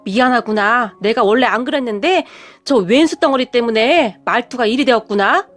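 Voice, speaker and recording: A woman voicing a blunt, sharp-tongued older mother-in-law who scolds her daughter. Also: on the high side, moderate pace, soft background music, close to an everyday voice. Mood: scolding.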